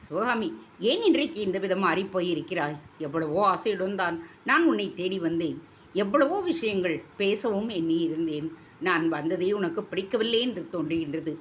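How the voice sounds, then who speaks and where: A young warrior prince with a low, measured voice, now teasing, now earnest, as a woman reading the story voices him. His lines come calm and controlled, a lover's quarrel in a storybook. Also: a little hiss or hum, natural voice. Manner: measured, teasing, then pleading. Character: young warrior prince, mocking then tender.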